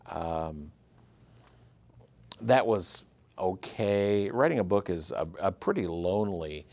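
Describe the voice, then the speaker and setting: His voice sits low, creaky and darkish, animated yet slow-paced, with no room sound. He's a writer and producer in his fifties from Michigan, USA, with the local accent, easily telling stories as a guest in a casual interview.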